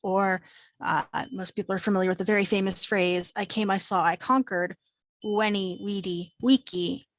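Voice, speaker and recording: A woman's voice: medium pitch, flat delivery, a little fast, slight background noise. A woman giving an unscripted online lesson on Latin pronunciation, with many ums and restarts as she explains. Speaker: Latin teacher. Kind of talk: online class lecture. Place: home, virtual presentation.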